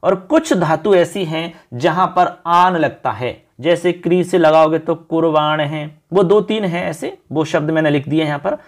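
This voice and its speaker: A man's voice: a little high, measured pace, hardly any pauses. A man teaching an exam-prep lesson, repeating word forms one after another as he addresses his students directly. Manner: repetitive drilling, speaking straight to students.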